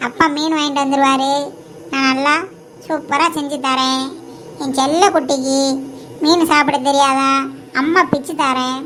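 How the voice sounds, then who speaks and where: A woman's voice: high-pitched, steady tone, moderate pace, long pauses, fairly bright tone, a little hiss or hum. A woman voicing a firm but loving cartoon mother with a Tirunelveli Tamil accent, scolding and coaxing her daughters. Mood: affectionate. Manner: firm, scolding, then affectionate. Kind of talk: homemade cartoon dubbing.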